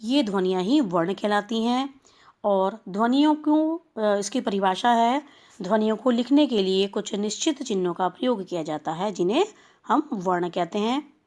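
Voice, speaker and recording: A woman teacher talks a class of young children through a lesson. She goes at a patient, explanatory pace and stops to sound out each example clearly. Her voice sits at a middle pitch. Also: a little mellow. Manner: slow, explanatory, spelling out sounds. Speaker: school teacher.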